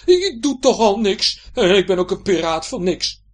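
A woman's voice: mid-range voice, big pitch swings, moderate pace, pitched above the performer's own voice. A woman voicing a timid young male pirate sailor who stammers and pleads in a storybook reading. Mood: frightened pleading.

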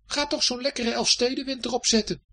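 A man voicing a tired, irritable male Autumn spirit in a storybook, bossy and scolding, his voice pushed high. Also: steady tone, a little fast, sharp tone, exaggerated voice. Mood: angry.

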